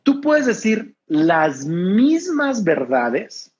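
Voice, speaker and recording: A Mexican man speaks as a guest preacher, his voice pitched high and a little husky. He talks with a constant smile, his warmth coming through as he explains things. The recording is dull and lo-fi. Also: sing-song, extremely slow. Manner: smiling, laughing tone of grace. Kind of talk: casual interview talk.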